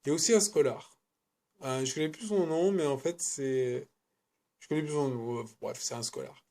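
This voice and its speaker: A man's voice: medium pitch, moderate pace, dark tone. A man giving a casual, rambling film review, often correcting himself and speaking in slang. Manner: rambling, self-correcting, colloquial.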